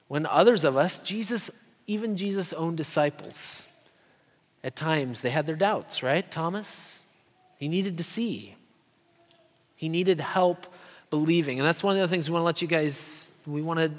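High-voiced preacher in a reverberant hall. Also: male voice. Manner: conversational, often asks "right?". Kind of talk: sermon.

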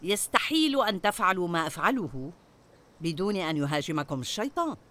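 An older woman delivers a sermon to a congregation. Her pitch swings widely and animatedly, and she keeps turning to her listeners with rhetorical questions. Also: sing-song, brisk, fairly bright tone, slight background noise. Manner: asks the audience rhetorical questions. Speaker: preacher.

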